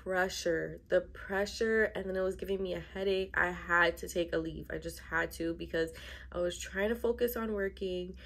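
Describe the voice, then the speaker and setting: A woman's voice: fairly low pitch, fairly even intonation, normal speed, creaky. A young adult woman chatting casually to camera in a vlog, with an emphatic, complaining way of talking, recorded indoors in a bedroom. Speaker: vlogger.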